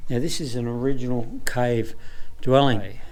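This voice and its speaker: A man's voice: mid-range voice, a little slow, a little mellow. A man hosting a casual travel vlog, chatting directly to viewers as he shows them around. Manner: chatty walk-through, addressing viewers directly.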